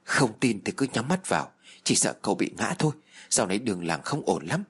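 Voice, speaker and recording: A man's voice: fairly low pitch, a little fast, husky, heavily acted. A man doing a curt, mysterious schoolboy. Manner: curt, flat, few words. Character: terse, mysterious schoolboy friend.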